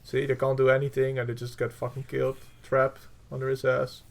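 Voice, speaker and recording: A man's voice: medium pitch, monotone, a little fast, creaky. A man coaching through a gameplay review, blunt and profane, with lots of fillers. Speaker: game coach.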